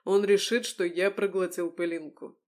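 A hulking, cynical kitchen brute, as a woman reads him aloud, growling his words loudly and scoffing. He sounds like a barbarian cook in an audiobook, blunt and mocking. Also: lowish voice, fairly even intonation, normal speed, natural voice. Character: burly gruff male cook, cynical and mocking.

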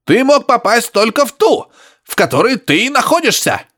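A man voicing an excitable male professor who shouts urgently in a high, strained, grunting voice over a crackling radio. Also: moderate pace, full character voice. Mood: agitated.

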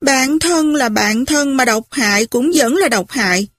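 A woman's voice: high voice, a little slow, fairly bright tone, dry recording, studio quality. A woman voicing a willful, restless young widow who talks back petulantly. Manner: petulant, defiant.

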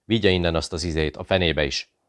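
A man voicing a gruff, suspicious army sergeant in an audiobook, barking short questions. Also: low-pitched, steady tone, fairly bright tone, dry recording. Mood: angry. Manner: curt barked questions. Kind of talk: audiobook dialogue.

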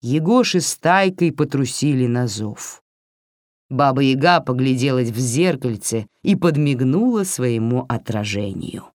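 A woman narrating a fairy tale for an audiobook in a measured, expressive way, close to the mic. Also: very deep voice, dry recording.

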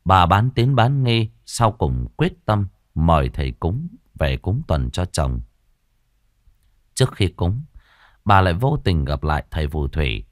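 A man narrating a ghost story audiobook in a dramatic, expressive way, close to the mic. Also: sits low, a little slow, dry recording.

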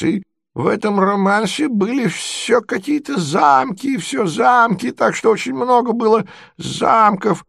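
A man's voice: sits high, creaky, fairly bright tone, breathy edge, dry recording, studio quality, pitched above the performer's own voice, exaggerated voice. Figure: a man doing a muddled, quavering old prince. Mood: eager. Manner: muddled, rambling, easily tearful. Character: doddering confused old prince, sentimental.

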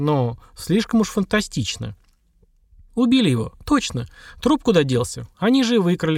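A man's voice: fairly high pitch, no echo, lightly acted. A man reading an audiobook and voicing a woman agent who lays out her reasoning in a dry, sardonic way. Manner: dry, sardonic, matter-of-fact. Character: sharp-tongued young woman agent, wry and cool.

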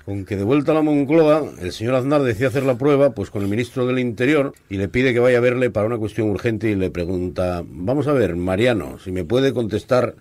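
A man with a Spanish accent from Spain, telling a joke on the radio in a lively storytelling manner with slangy asides. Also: medium pitch, fast, hardly any pauses, dry recording. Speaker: joke teller.

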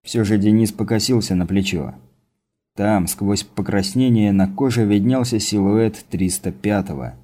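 A man reading a science fiction audiobook as narrator, in steady scripted narration. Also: lowish voice, measured pace.

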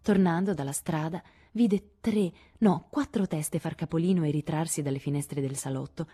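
Audiobook narrator, woman, low mellow husky voice, measured expressive reading. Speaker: audiobook reader. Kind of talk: scripted narration.

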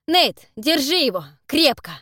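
A cold man barks orders in a raised, loud voice with steely, pitiless authority, as a woman reading the audiobook puts him on. The recording is dry and close. He does not soften. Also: sits high, animated, moderate pace, dry recording, pitched above the performer's own voice. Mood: stern command. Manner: harsh, commanding.

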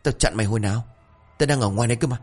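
A man's voice: medium pitch, very fast, breathy edge, soft background music, natural voice. A man voicing a short-tempered older gang boss who snaps and scolds. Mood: gruff. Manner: snapping, scolding.

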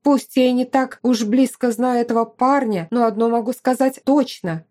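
A woman doing a lively, outspoken young girlfriend. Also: a little high, moderate pace, close to an everyday voice. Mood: insistent. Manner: emphatic, talkative. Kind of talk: audiobook character voice.

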